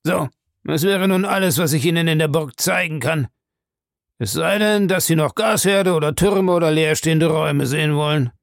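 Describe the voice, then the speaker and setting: A cruel old man gloats with slow relish over the torments of the past, as a male audiobook narrator puts him on. His voice sits higher than the narrator's own and has a gravelly crackle. The sound is close and dry, with no room in it. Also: no echo. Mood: curt. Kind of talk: audiobook character voice.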